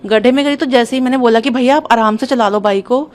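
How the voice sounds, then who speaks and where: Woman with a high voice telling what happened to her, upset and urgent, keeps pushing on. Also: fast. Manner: urgent, agitated, talks straight on. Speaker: interviewee recounting an incident. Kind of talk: emotional first-hand account.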